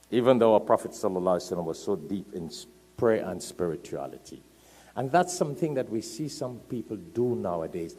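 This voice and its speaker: A man from Trinidad preaching a sermon to a congregation, swinging between loud emphatic peaks and low asides, repeating words for stress and joking with listeners by name.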